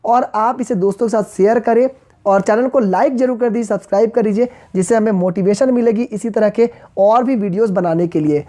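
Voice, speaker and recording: A woman teacher explaining poetry and grammar in an online lesson, calling her viewers friends and reading verses slowly. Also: medium pitch, dark tone.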